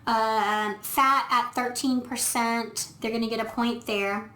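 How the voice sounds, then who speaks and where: Her voice sits a little high, with a sharp tone and fairly even intonation, and she takes it slowly. She is a veterinarian filming herself indoors, casually reviewing dog food and thinking aloud step by step with lots of ums. The audio comes from the camera mic in an echoey room.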